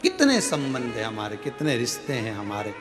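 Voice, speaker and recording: Animated male preacher in an echoey hall. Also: mid-range voice, normal speed. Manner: emphatic, repeats phrases for stress. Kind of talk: live religious storytelling sermon. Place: large hall or pavilion at a live religious gathering. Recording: echoey hall with faint music.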